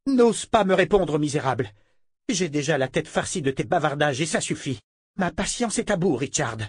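A man reading a fantasy audiobook and voicing a furious, domineering older woman with a shrill, scolding, contemptuous delivery. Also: expressive, brisk, husky, no echo.

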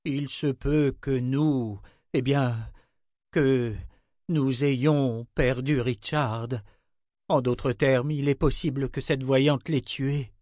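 A man's voice: medium pitch, expressive, measured pace, no echo, clean studio sound. A man voicing Anna, a blunt sour woman. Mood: grim. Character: sharp-tongued adult woman, blunt and sour.

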